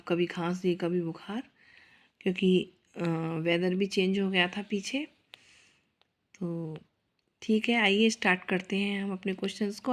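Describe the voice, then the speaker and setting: A woman teacher giving an exam prep lesson, reading out each question and then answering it herself, after a chatty greeting to her viewers. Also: medium pitch.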